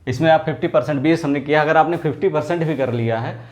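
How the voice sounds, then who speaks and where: A man's voice: fairly high pitch, darkish tone. Man drilling spelling in a lesson. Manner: drills words by repetition, asks quick rhetorical questions. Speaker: teacher. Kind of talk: exam-prep lesson.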